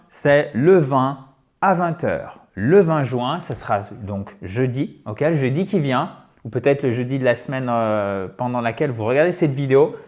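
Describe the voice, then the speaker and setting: A middle-aged man, an online English teacher, chatting straight to his viewers about a free course, addressing them as friends and checking in with them again and again. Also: a little high. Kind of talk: direct-to-viewer course promotion.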